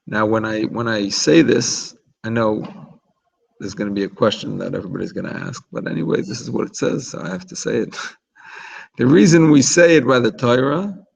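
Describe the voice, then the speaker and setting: A man's voice: mid-range voice, moderate pace, creaky, low-quality recording. A man teaching an informal religious class in a chatty, explanatory way, often restarting his sentences. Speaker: Torah teacher.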